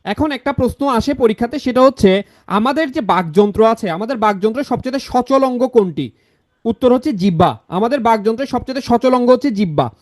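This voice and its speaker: A man's voice: very high-pitched, expressive, fast, darkish tone, no echo. A young man teaching grammar in an online exam-prep lecture, repeating key answers and asking the class questions.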